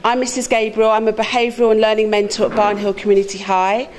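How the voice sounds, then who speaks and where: A woman speaks at a community evening in her role as a school learning mentor. She pours out thanks in an effusive, heartfelt way. Her pitch is medium, and there is faint noise underneath. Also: flat delivery, fast. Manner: effusive, grateful. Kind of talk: speech at a community meeting.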